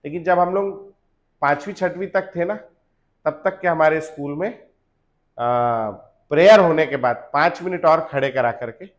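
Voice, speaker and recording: A man in his thirties teaching chemistry to a classroom in a casual lecture. He asks tag questions over and over and makes the class chant formulas loudly and slowly. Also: on the high side. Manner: chatty, rhetorical tag questions, drills formulas by loud slow chanting.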